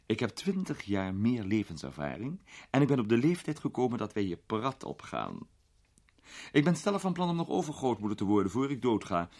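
A man voicing a sharp-tongued old duchess and grandmother, gossipy and doting, in a storybook reading. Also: fairly low pitch, sing-song, fairly quick, voice pushed up.

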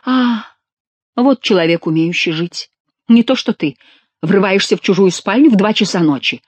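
A woman's voice: medium pitch, moderate pace, darkish tone, slightly rough, no room sound, close to an everyday voice. A woman voicing a sly, mocking Gascon jester who teases his king with mock familiarity.

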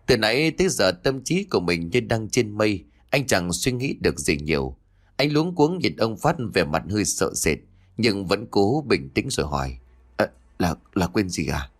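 Low-voiced guy reading a dramatic story, lively swings in his voice. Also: moderate pace.

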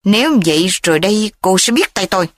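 A woman reading the part of a scheming, threatening older man who talks in a measured, cold way. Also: mid-range voice, very animated, dry recording, natural voice. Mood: pleading.

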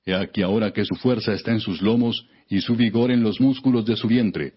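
A man giving a solemn scripted biblical narration in a husky voice, measured and declamatory. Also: on the low side. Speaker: narrator of an audio Bible. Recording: dull, lo-fi audio.

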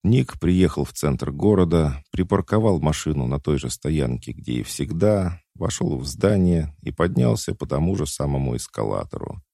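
A man narrating a thriller audiobook in a measured, dramatic reading. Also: rumbling low, animated, gravelly, dark tone, breathy edge, no room sound, clean studio sound. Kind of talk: scripted narration.

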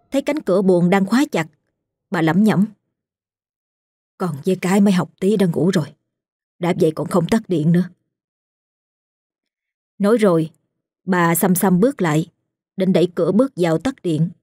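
A woman narrating a scripted ghost story in a steady, measured storytelling manner. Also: mid-range voice, dry recording, clean studio sound.

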